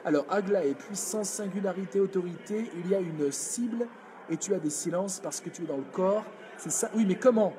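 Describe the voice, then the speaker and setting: A man coaching public speaking in a live video workshop, energetic and demonstrative, answering viewers' comments. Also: high-pitched, normal speed, a little hiss or hum. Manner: energetic, demonstrative, reads chat comments aloud.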